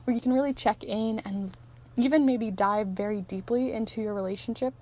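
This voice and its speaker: A woman who is losing her voice gives an easygoing, chatty tarot reading to her viewers, with soft laughs between phrases. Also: on the high side, fairly quick. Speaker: tarot reader and channel host. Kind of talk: pick-a-card tarot reading to camera.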